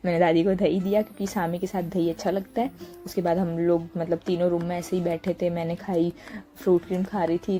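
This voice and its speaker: Young woman, from India, casual vlog narration, soft mellow tone, soft music underneath. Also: on the low side. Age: young adult. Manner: chatty, searching for words, frequent laughs. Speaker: vlogger. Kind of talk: casual voice-over narration of her day. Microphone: small handheld mic.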